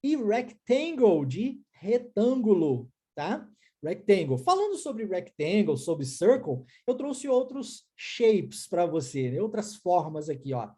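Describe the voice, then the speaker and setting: A woman's voice: on the low side, very animated, slow pace, few pauses, mellow, breathy edge. A woman with a Brazilian Portuguese accent teaching an online English lesson, explaining step by step and often checking in with short questions.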